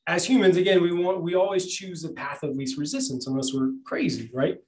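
A rambling male co-host talks diet in loose, casual asides. His voice sits a bit high, and the room around him is echoey. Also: a little fast, darkish tone. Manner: rambling, loose, with many "you know what I'm saying" asides. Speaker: podcast co-host. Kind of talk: casual podcast chat. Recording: roomy echo.

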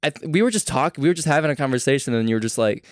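A man's voice: mid-range voice, animated, very fast, clean tone, dry recording, clean studio sound. A young man co-hosting a casual podcast chat, rambling enthusiastically about collectibles and laughing at himself. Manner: rambling, enthusiastic, self-deprecating, laughs often. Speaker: podcast co-host.

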